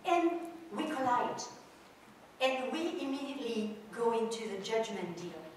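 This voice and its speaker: A woman lectures from a stage in a big auditorium, her slightly high voice caught by a camera far back in the seats. The hall rings with a long, roomy echo, and a faint hum of the crowd sits underneath. She talks directly and with animation. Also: unhurried. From Switzerland. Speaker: guest speaker on business culture. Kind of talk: public lecture. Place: large auditorium with audience. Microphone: far camera in the audience. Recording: echoey hall recorded from far off.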